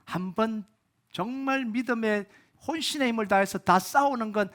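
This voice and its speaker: A male pastor preaching a sermon, urging loudly at times and dropping to soft near-whispers, full of rhetorical questions. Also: high voice, moderate pace. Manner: rhetorical questions, acts out inner voices.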